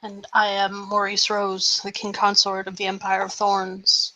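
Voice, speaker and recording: A woman's voice: medium pitch, monotone, a little slow, sharp tone, low-quality recording. A woman voicing a polite young male king consort who speaks hesitantly. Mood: formal. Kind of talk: voice role-play.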